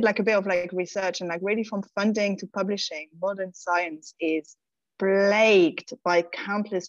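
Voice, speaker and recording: A bubbly, chatty woman host with a fairly low voice. Her audio sounds dull and lo-fi, completely dry with no room sound. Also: dry recording. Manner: bubbly, chatty, laughs easily. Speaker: podcast host. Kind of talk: podcast hosting.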